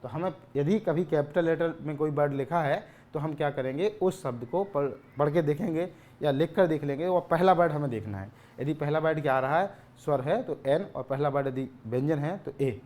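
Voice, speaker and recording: A male teacher giving a grammar lesson, asking questions and answering them himself, repeating key words, often clearing his throat. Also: on the high side, moderate pace, a little mellow.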